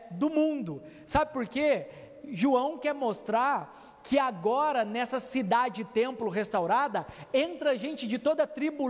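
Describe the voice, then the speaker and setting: A man from Brazil, preaching a sermon as pastor, telling lively stories and acting out the voices in them. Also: very high voice. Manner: lively storytelling preacher, acts out quoted voices. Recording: long church hall reverb.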